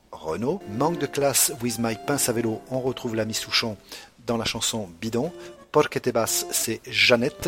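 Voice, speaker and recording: Brief: male host, mid-pitched, casual and halting as he lists songs, with music clearly under his voice. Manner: hesitant, many pauses and fillers. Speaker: radio host presenting a song medley. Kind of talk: casual spoken song-by-song rundown.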